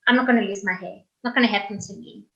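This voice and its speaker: A woman's voice: mid-range voice, fast, pushed and bright, roomy sound, highs cut off. A woman giving a candid personal testimony on a video call, telling her story conversationally and acting out what people said to her. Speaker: guest speaker, cancer survivor.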